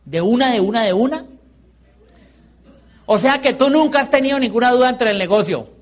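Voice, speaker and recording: Colombian guy running a business seminar, pretty high voice, jokey, keeps asking the crowd stuff. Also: expressive, normal speed. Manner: playful, asks the audience rhetorical questions. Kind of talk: live motivational seminar talk.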